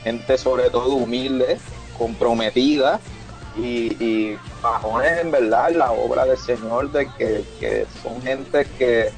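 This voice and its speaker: Man, radio guest, stumbling restarts, mid pitch, faint music under. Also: rough recording. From Puerto Rico. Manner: halting, many restarts, grateful.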